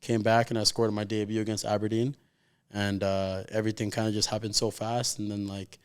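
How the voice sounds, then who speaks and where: In an interview, a Calgary-raised professional footballer in his 20s speaks informally and earnestly, peppering his talk with slang and "like." His voice is lowish, clean, flat and brisk.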